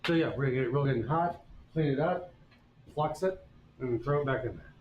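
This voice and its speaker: A man's voice: mid-range voice, brisk, echoey room, narrow, tinny audio, slight background noise. A man teaching blacksmithing on a live stream, explaining each step in a folksy, casual way. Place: forge workshop.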